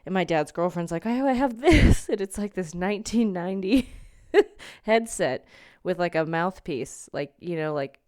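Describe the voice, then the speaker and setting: Rambling young woman, low smooth voice. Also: moderate pace, darkish tone, no room sound, studio quality. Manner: sarcastic, rambling, heavy on "like". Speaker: podcast host. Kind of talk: casual solo podcast monologue. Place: bedroom at home.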